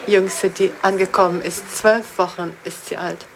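A woman interprets a speech live in a large event hall. Her voice is fairly low and stays flat in pitch. She hesitates often and restarts her sentences, and a crowd can be heard behind her. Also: measured pace. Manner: hesitant, with frequent fillers and restarts.

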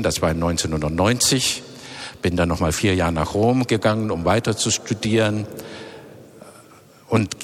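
A man in his fifties speaks German with a Dutch accent, his voice very low. He answers interview questions slowly and reflectively, often searching for words and restarting phrases. A long reverb trails behind each phrase. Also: fairly bright tone. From Netherlands.

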